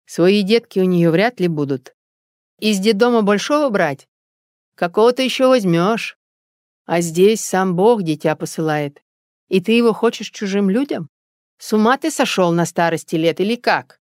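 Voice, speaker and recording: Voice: medium pitch, lively intonation, normal speed, dry recording, studio quality, natural voice. A reader voicing a stern, determined older village mother in an audiobook, speaking in a commanding, insistent way. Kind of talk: audiobook character voice.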